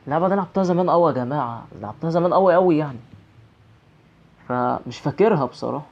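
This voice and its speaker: A man's voice: fairly high pitch, expressive, very fast, muffled recording. A young man with an Egyptian Arabic accent giving horror game commentary, jumpy and nervously rambling. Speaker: gaming channel host.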